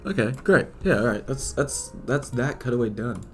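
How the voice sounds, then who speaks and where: A man's voice: mid-range voice, expressive, normal speed, fairly bright tone, faint music behind. A man animating at his computer, talking to himself in a rambling, fretful way with many restarts. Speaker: animator and video creator. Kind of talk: casual self-talk while working.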